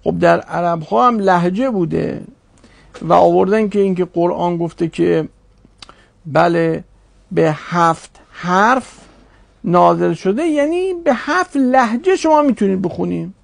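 A man's voice: sits high, gravelly, dry recording. A man teaching a religious studies class, reasoning aloud and posing rhetorical questions to his students.

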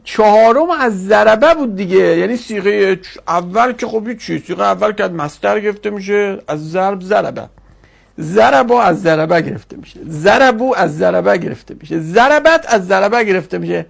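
A man teaching Arabic grammar in a classroom lecture, explaining forms step by step and repeating them slowly for students. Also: sits high, expressive, creaky.

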